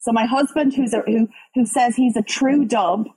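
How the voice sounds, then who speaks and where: A woman with a Dublin Irish accent, a show guest chatting in a lively, talkative way. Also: a little high, normal speed, breathy edge, poor audio. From Ireland. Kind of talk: casual interview chat.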